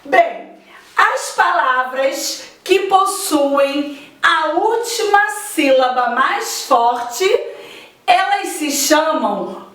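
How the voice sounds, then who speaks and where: A woman teacher gives a slow, deliberate grammar lesson and stretches out her example words. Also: high voice, animated, a bit bright, recorded from a distance. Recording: echoey room, voice off-mic.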